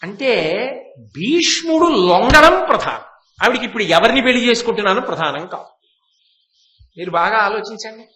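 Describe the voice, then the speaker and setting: A man delivers a devotional sermon as a vivid story, breaking into slow chanted verses. His voice sits high and sounds sharp and bright. The room around him rings with echo. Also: animated. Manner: vivid retelling that acts out the characters' speech. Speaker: religious discourse speaker.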